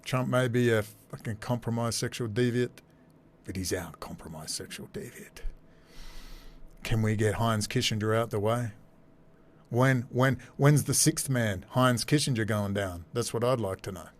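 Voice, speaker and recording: A man giving animated, sarcastic commentary as a host, repeating his phrases. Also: mid-range voice, moderate pace. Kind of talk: ranting commentary over clips.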